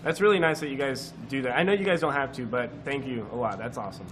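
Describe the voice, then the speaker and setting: A man's voice: medium pitch, quick pace, heavy background noise. A man speedrunning a game with a partner and chatting through it in a loose, rambling way. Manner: casual, rambling with fillers and restarts. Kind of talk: live co-op speedrun commentary. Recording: live event with crowd behind.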